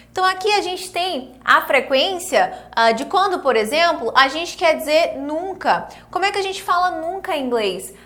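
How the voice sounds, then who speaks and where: A young woman with a Brazilian Portuguese accent teaches an online English lesson, slowly repeating words so students can drill them. Her voice is high-pitched and sharp.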